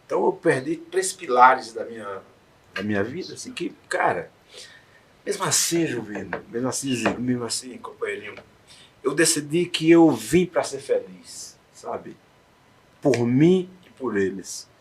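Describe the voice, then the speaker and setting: A man as an interview guest, telling an emotional personal story in a heartfelt way, sometimes hushed, sometimes loud and encouraging. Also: medium pitch, animated, unhurried, slight background noise.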